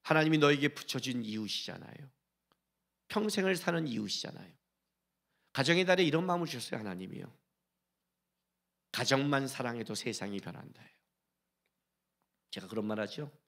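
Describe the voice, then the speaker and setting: A middle-aged man preaching to his congregation as their senior pastor. His voice sits high and bright and moves a lot in pitch. He jumps from loud exhortation to hushed, almost whispered asides. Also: big pitch swings, fast, vocal fry. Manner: exhorting, rhetorical questions, swings between loud urging and hushed asides; briefly sings a hymn line during the sermon. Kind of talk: sermon.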